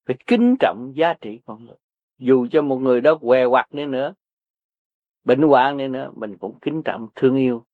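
A man's voice: mid-range voice, moderate pace, no room sound. An older man with a Southern Vietnamese accent, giving blunt, repetitive, earthy Buddhist teaching to listeners. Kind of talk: folksy spiritual teaching to listeners. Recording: dry, dull lo-fi recording.

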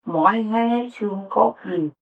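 A woman's voice: medium pitch, unhurried, slightly rough, far from the mic. A woman listener rambling through a complaint to the teacher. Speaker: listener asking questions. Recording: dull lo-fi recording.

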